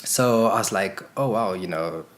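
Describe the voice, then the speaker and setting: A man's voice: fairly low pitch, moderate pace. A young man from Zimbabwe, a podcast guest telling his story in a candid, frank way. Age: young adult. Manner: candid, frank, with fillers and asides. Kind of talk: relaxed conversational storytelling.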